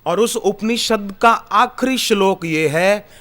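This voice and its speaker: A man's voice: sits high, slow, fairly bright tone. A man preaching a spiritual discourse to an audience, telling scripture stories with emphatic rises and quoted verses. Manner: storytelling with scriptural quotes, rising emphatic delivery. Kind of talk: Hindi satsang discourse. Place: discourse hall before an audience.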